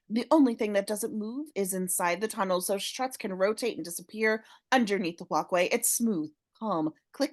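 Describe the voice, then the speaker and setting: A woman narrating the action descriptions of a fan audio drama script, reading at a paced rhythm with pauses. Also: medium pitch. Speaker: narrator of stage directions.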